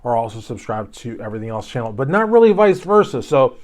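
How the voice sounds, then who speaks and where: A man's voice: medium pitch, very animated, fast, a little mellow. A man from Kentucky hosting a YouTube channel, giving casual commentary with rambling, joking asides. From Louisville, Kentucky.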